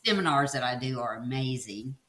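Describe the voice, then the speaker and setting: Low-voiced woman telling lively stories. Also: a little fast, reverberant. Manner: animated storyteller, acts out quotes with a high playful voice; laughs often. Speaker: guest, author and seminar speaker. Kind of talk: casual interview chat.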